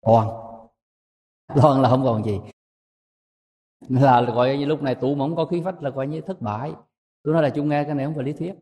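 A man giving a measured, emphatic dharma talk to a monastic assembly, rising high to stress his points. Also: a little mellow, big-room sound. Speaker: Buddhist monk teacher.

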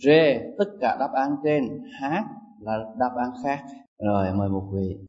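A man, a Buddhist monk teaching a Dharma class with quiz questions, animated and emphatic, swinging between loud and soft. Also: mid-range voice, normal speed. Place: lecture hall with an audience. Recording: distant, muffled lo-fi recording.

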